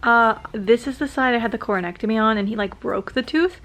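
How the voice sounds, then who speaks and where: A woman's voice: on the high side, a little fast, fairly bright tone. A young woman chatting casually to her vlog, groggy and rambling, her mouth sore and swollen after oral surgery. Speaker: vlogger.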